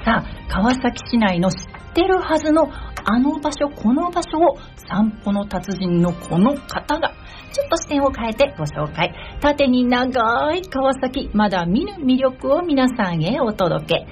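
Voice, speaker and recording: A woman's voice: high voice, sing-song, unhurried. A woman hosting a live radio show from a studio, presenting politely and chattily with frequent small interjections. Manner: polite, chatty, often punctuates with "hai" and "ne". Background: background music.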